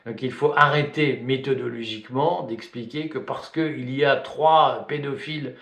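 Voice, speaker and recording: A man's voice: mid-range voice, moderate pace, vocal fry, fairly bright tone. A man from Belgium, giving spoken video commentary in a hesitant way, full of fillers and restarts. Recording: roomy echo.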